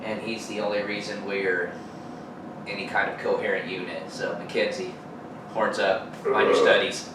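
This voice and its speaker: A Texan metal musician with a lowish voice, talking casually and jokingly. He sounds far from the mic in a very echoey room. There is clear background noise. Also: level tone, moderate pace. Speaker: band member, guest. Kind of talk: casual chat.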